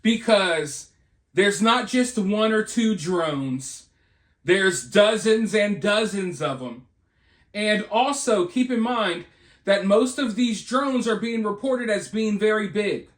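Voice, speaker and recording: Slow and high-pitched yet lively in intonation, an American channel host gives speculative, informal takes on the news. His style is rhetorical and conversational, with frequent nods to his listeners, recorded in an echoey room.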